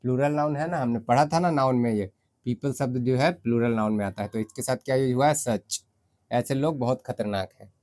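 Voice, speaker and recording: A man with an Indian accent teaching English grammar in Hindi, explaining step by step and reading English example sentences slowly. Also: medium pitch, a little mellow.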